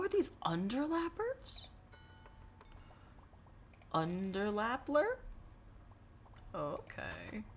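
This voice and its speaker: A woman's voice: mid-range voice, fairly bright tone. A woman in her twenties chatting casually on a live stream while gaming, rambling with lots of fillers and offhand swearing. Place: her dorm room.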